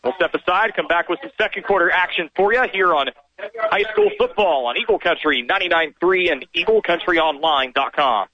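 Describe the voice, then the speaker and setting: A man calling high school football play-by-play for local radio, briskly walking through each play. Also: noisy background. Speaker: play-by-play announcer. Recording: slightly dull radio broadcast sound.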